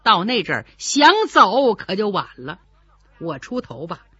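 A woman's voice: mid-range voice, very animated, unhurried, a bit bright, slightly rough, dry recording. A woman telling a traditional story in a dramatic, vivid way, with sound effects she makes with her voice. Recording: dull lo-fi recording.

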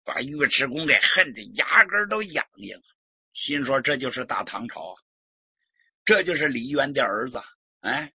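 A man performing a traditional story, lively and dramatic with colloquial asides. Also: medium pitch, normal speed, husky, dry recording. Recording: dull lo-fi recording.

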